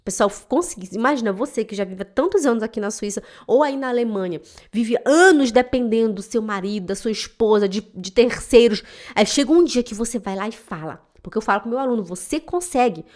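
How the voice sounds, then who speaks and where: A woman's voice: fairly high pitch, animated, a little fast, a little mellow. A woman, a German teacher who speaks emotionally and emphatically straight to her viewers in a motivational vlog. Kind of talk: direct-to-camera motivational vlog. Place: home in Switzerland.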